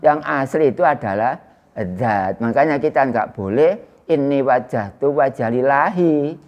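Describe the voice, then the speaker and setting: A man in his sixties with an East Javanese accent, giving an Islamic study lecture to a small indoor congregation in a loud, projecting voice without a microphone, chatting with his listeners. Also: medium pitch, lively intonation, a little slow, highs cut off. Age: 60s. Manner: conversational, teasing the audience. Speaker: religious teacher. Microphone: no loudspeaker or microphone used.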